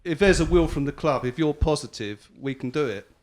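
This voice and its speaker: Man, football supporter, fans forum, insistent, persuasive, often quiet. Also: a little high, lively intonation, brisk, slight background noise. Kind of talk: pressing a point at a fans forum.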